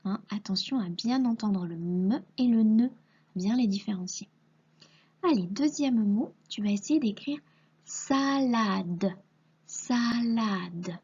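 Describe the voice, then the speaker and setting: Slow, patient, breathy woman teacher. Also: mid-range voice, lo-fi sound. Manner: slow, patient, sounds out syllables and letters; often drops to a soft breathy half-whisper. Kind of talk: recorded reading lesson for a young child.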